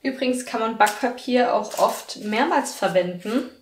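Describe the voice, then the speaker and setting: A woman's voice: a little high, normal speed. A young woman talking casually through a cooking vlog in her home kitchen, thinking aloud as she works. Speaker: cooking vlogger. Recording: echoey kitchen with faint noise.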